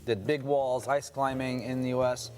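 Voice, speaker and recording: A man from Turkey, a guest in an interview, telling his story in a measured, reflective way. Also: medium pitch, fairly even intonation, a little mellow, faint music behind. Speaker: guest adventurer. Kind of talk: interview answers.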